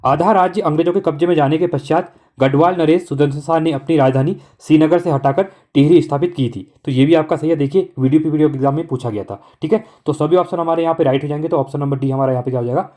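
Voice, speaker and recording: Brisk, fast-talking male exam tutor. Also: on the high side, warm tone. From Uttarakhand. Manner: brisk, repeats "okay" constantly, coaching tone. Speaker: exam-prep teacher. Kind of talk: online exam-prep lesson.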